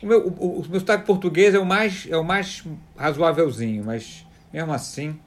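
A man's voice: on the high side, moderate pace. A man from Rio with a Carioca accent in casual comedic chat, stammering and circling back on his words. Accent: Carioca (Rio de Janeiro). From Rio de Janeiro, Brazil.

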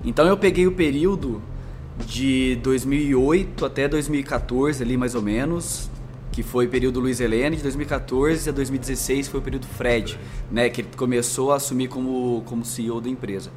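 A male guest with an interior São Paulo accent and a rolled caipira R tells long, flowing stories at a middle pitch. He talks in a relaxed conversational way. Faint music plays underneath. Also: a little fast. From Brazil, Minas Gerais, raised in interior São Paulo. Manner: animated storyteller, long flowing anecdotes. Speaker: marketing executive guest. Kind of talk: conversational storytelling.

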